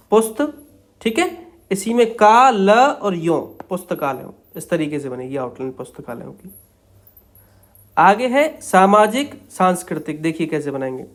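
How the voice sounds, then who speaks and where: Patient man teaching shorthand outlines. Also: sits high. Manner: patient, repetitive, explains each outline slowly. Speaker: stenography teacher. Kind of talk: step-by-step shorthand lesson.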